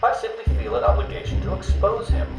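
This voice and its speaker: An actor playing an arrogant, condescending male villain in a video game, with smug, theatrical swings in pitch. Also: huge pitch swings, fast talker, creaky, exaggerated voice. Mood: ranting. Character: arrogant sneering male riddle-obsessed villain, adult. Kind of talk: video game voice acting, taped patient interviews. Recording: echoey with loud music underneath.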